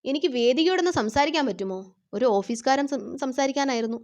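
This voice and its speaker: A woman's voice: high-pitched, animated, fast talker, darkish tone. A woman reading the lines of a scheming husband who defends himself and makes threats. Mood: defensive.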